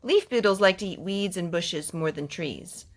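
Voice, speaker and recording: Her voice sits fairly low, animated and moderately paced. As a mother running a children's storytime with reading, chatting and singing, she quizzes the little listener and repeats back whatever they answer.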